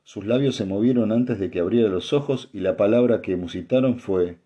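Male narrator, audiobook reading, steady, low voice, very dark tone. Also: brisk, highs cut off.

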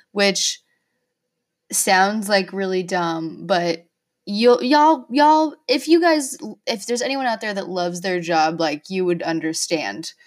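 Candid, foul-mouthed young woman podcaster. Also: lowish voice. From Oklahoma, USA. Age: 20s. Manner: candid, profane, filler-heavy rambling. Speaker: podcast host. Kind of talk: casual solo podcast chat.

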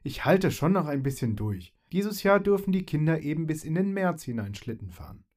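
A man voicing a kind, caring female winter fairy in a storybook reading, gentle and soothing. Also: a little high, very animated, moderate pace, pitched above the performer's own voice.

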